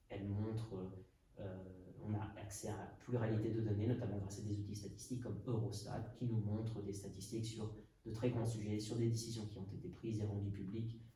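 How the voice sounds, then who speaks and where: A Portuguese man hosts a podcast conversation, thinking aloud and hesitating often in a fairly low, dark voice. The mic sits at a distance in an echoey room, leaving faint noise.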